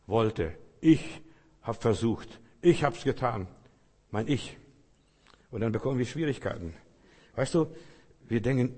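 A man preaching a sermon with emphatic swings between loud outbursts and quiet asides, acting out biblical speakers. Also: mid-range voice, slightly rough, big-room sound. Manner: acts out biblical speakers in quoted lines.

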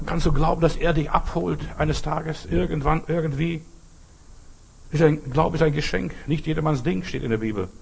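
Man, preacher, very gravelly voice, slightly high, sermon, insistent rhetorical questions. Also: a little mellow. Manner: slow, pleading address to the listener. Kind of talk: devotional sermon.

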